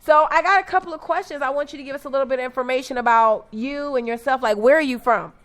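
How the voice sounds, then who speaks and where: A woman's voice: high voice, quick pace, dry recording. A woman hosting an inspirational talk radio show, upbeat and teasing, who sometimes stumbles over words and corrects herself. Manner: upbeat, teasing, laughs at own jokes.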